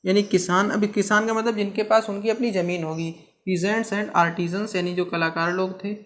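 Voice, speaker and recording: This teacher's mid-range voice stays steady and brisk as the exam-prep history lecture moves along. Rhetorical questions get answered straight away, terms are explained through everyday comparisons, and "ठीक है" comes up again and again as a check-in.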